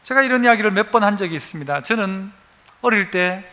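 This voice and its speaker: A male pastor giving a sermon, animated, asking the congregation questions as he preaches. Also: high voice, fast talker. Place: church sanctuary. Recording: reverberant church hall.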